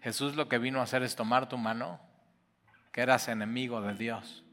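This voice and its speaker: A man preaching a sermon, impassioned and swinging from loud declarations to hushed, intimate passages. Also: mid-range voice, steady tone, normal speed. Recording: reverberant hall with soft guitar.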